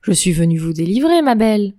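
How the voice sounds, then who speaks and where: A woman's voice: mid-range voice, sing-song, a little fast, dark tone, close to an everyday voice. A woman voicing a pompous young male knight who protests emphatically and stammers when thrown. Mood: flustered insistent.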